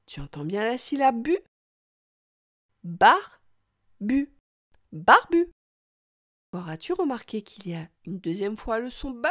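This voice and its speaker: Fairly high in pitch with a fairly bright tone, a female teacher gives young kids a scripted reading lesson. Her delivery is slow, patient and sing-song, and she pronounces each syllable with exaggerated care.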